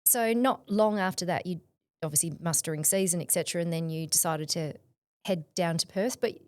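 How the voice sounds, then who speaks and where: A woman's voice: fairly low pitch, a little fast, a little mellow, no room sound. An Australian woman hosting a podcast interview, encouraging her guest with frequent affirmations. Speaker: podcast host.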